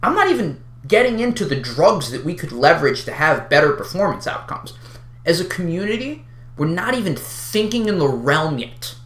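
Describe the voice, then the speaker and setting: An online creator delivers an unhinged, unscripted rant in a sharp, forceful voice. The pitch swings widely with sarcastic, exasperated emphasis, and the casual, sweary delivery rings around an echoey room. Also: big pitch swings, moderate pace. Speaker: online video creator addressing a community.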